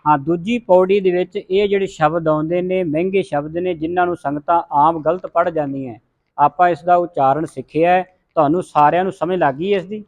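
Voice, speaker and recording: This man's voice is on the high side, steady in tone, and fairly quick. He has a Punjabi accent and teaches Gurbani pronunciation in a recitation class, sounding out letters of scripture words and having the group repeat them.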